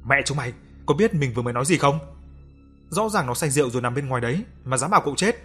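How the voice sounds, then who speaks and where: A man voicing a gruff, scolding, wealthy old village patriarch in a narrated ghost story. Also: mid-range voice, little pitch movement, racing, a bit bright, soft background music. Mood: furious. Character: angry rich old village patriarch, male.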